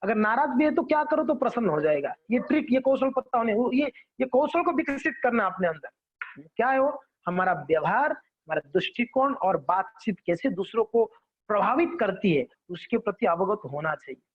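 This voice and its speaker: A man's voice: high voice, big pitch swings, normal speed. A man giving a conversational devotional class, checking in with listeners and acting out examples. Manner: conversational teaching with frequent check-ins and acted examples. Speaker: devotional lecturer. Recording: dull lo-fi recording.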